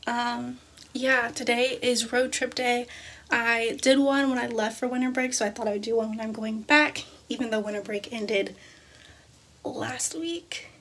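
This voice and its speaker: A woman's voice: on the high side, fairly even intonation, measured pace, a bit bright. A young woman, chatting casually and upbeat into her phone camera at home and in her car, with frequent fillers. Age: early 20s. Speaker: vlogger. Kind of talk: casual vlog chat. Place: home bedroom, apartment and parked car. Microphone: phone camera held at arm's length.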